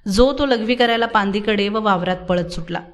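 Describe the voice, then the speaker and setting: A woman's voice: mid-range voice, moderate pace. Woman reading a novel aloud dramatically. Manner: steady expressive storytelling. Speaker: audiobook narrator.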